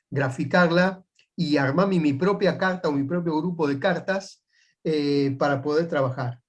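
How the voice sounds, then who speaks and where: A man with a Rioplatense Spanish accent teaching a sailing class, explaining step by step and often checking in with quick "right?" tags. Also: a little high, a little mellow. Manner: patient, methodical step-by-step explaining. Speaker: sailing instructor.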